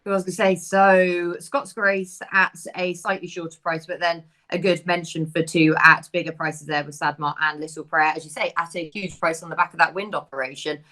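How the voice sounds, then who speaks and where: A woman's voice: fairly low pitch, fairly even intonation, a little fast, few pauses, sharp tone. A woman hosting a horse racing preview, chatty and upbeat, handing over to her guests. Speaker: host.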